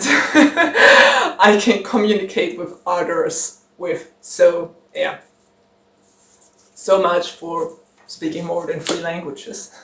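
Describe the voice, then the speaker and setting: Talking to camera in a relaxed way, this young book channel host, a native German speaker, goes slowly, giggling and wandering with many fillers. Her voice is on the low side and a bit bright, with roomy echo around it.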